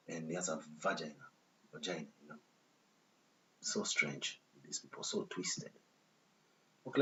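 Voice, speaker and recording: A man's voice: low-pitched, a bit bright. A man reading a text aloud and breaking off into disapproving commentary, often checking in with "okay?" asides. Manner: disapproving, lecturing tone. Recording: dull lo-fi recording with faint hiss.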